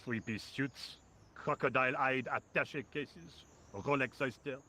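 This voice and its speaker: A man's voice: mid-range voice, fairly even intonation, unhurried, bright, forceful tone. A man voicing a lazy, sarcastic French workman in a video game, with a French accent and a dry, indifferent drawl.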